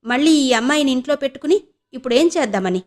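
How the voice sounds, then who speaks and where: A woman's voice: high-pitched, lively intonation, fast. A woman voicing an angry middle-aged wife who scolds bluntly in an audio novel. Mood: indignant. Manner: indignant, scolding.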